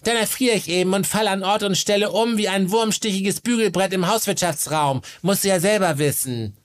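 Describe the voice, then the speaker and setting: A cheeky little forest goblin, as a man puts him on, high-pitched and wheedling. He whines and guilt-trips for food and favors in a comic radio storybook. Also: normal speed, close to an everyday voice. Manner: whiny, wheedling, guilt-tripping.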